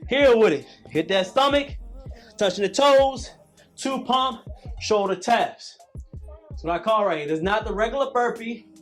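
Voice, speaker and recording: A man in his thirties coaches a workout in a notably high voice. He repeats his cues over and over and drifts into preachy talk, while faint music plays underneath. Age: 30s. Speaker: fitness coach.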